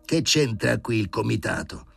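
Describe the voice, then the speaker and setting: A man voicing an exasperated elderly male professor surgeon who talks slowly and with fussy indignation, in an audiobook reading. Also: fairly low pitch, big pitch swings, gravelly, fairly bright tone, husky, soft background music, voice pushed up, full character voice. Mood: weary.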